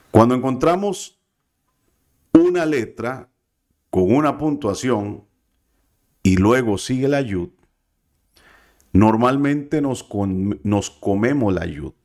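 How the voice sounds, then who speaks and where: A man's voice: medium pitch, a little mellow. A man teaching a biblical Hebrew class, patient and careful, often checking in with his students. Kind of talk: classroom lesson.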